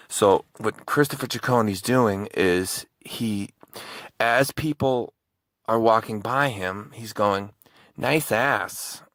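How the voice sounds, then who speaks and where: Deep-voiced man rambling through a story. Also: a bit bright, no echo. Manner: rambling, with frequent restarts. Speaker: true crime video host. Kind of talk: casual personal storytelling.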